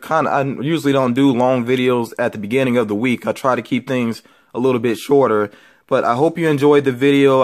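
A man who vlogs about collectibles, talking casually as he shows things to viewers. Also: medium pitch. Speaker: toy collecting vlogger. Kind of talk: casual show-and-tell chat. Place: indoor room with shelves of figures.

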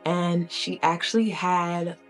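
A woman's voice: on the low side, fairly even intonation, slow pace, soft background music. A woman hosting a commentary channel, retelling a story in a chatty, casual way and using "like" and "y'all" a lot. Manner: chatty, uses "like" and "y'all" often.

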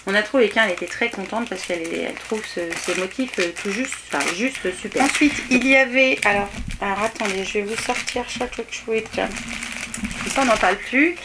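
Background noise runs under this clip of a French woman in her thirties showing off a shopping haul from a small bedroom at home. Speaking at a normal speed in a medium pitch, she's eager and excited yet halting, leaning on plenty of fillers as the vlogger chats casually through her items.

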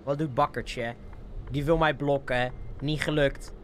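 An excitable streamer, giving live gameplay commentary, laughing often and dropping English slang. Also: mid-range voice, measured pace, background noise.

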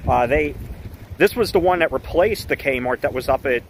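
This is an enthusiastic man talking to his viewers in an easy, meandering way, piling up one thought after another. His voice sits at an ordinary middle pitch for a man. A faint noise hums behind him. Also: lively intonation, moderate pace, poor audio. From Pittsburgh area, Pennsylvania. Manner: upbeat, rambling and reminiscing. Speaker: vlogger. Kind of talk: casual chat.

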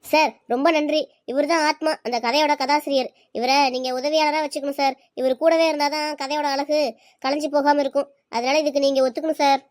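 A woman's voice: high-pitched, steady tone, a little fast, dry recording, clean studio sound, natural voice. A woman playing an earnest star actress. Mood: grateful. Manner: pleading, respectful. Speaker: actress character. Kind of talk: web drama dialogue.

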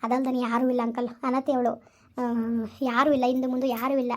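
A woman's voice: on the high side, level tone, normal speed, lightly acted. A young woman, acting in a village skit, earnestly explaining and pleading with elders.

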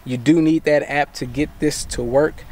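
This casual how-to comes from a tech channel host in his thirties, patiently explaining a fix step by step while parked in his car in daytime. He speaks at normal speed with a higher, slightly mellow voice and fairly even intonation.

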